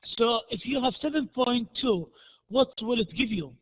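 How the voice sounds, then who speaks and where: Hoarse, high-pitched man giving a lecture. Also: animated, poor audio. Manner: halting, repeats and restarts phrases. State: hoarse, voice worn out from a previous lecture. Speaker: programming lecturer. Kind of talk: spoken lecture with worked examples.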